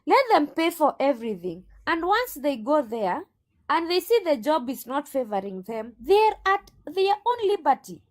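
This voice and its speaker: An assertive woman with a Kenyan accent speaks as an agency owner in an interview. Her voice is notably high, and she argues her points firmly. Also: very animated, moderate pace. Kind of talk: interview guest.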